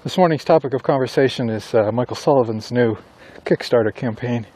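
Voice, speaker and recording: A middle-aged writer records an audio journal while walking outdoors in falling snow, musing casually to himself in an unhurried way and pausing as he goes. His voice is medium-pitched and dark, with outdoor walking noise around him.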